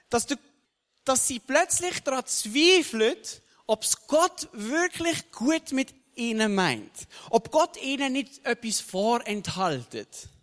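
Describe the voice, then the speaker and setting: A man with a Swiss German accent delivers a sermon in a high, lively voice that swings up and down in pitch. His wording stays casual, and he keeps checking in with his listeners. His voice rings out in a hall with a long reverb. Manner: conversational, keeps asking "oder?". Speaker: preacher.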